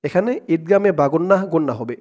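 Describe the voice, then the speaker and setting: A man teaching Quran reading, chanting verses slowly syllable by syllable and then explaining pronunciation rules plainly. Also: fairly high pitch, animated, darkish tone. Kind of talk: slow recitation lesson, syllable by syllable.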